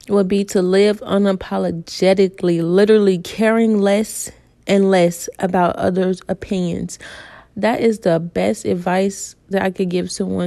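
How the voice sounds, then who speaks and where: Young woman podcasting, casual and emphatic, kinda gravelly low-key voice, super dry close mic. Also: dark tone, no echo. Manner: chatty and emphatic, repeats phrases, lots of "like" and "you know". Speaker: podcast host. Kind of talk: casual self-help podcast monologue.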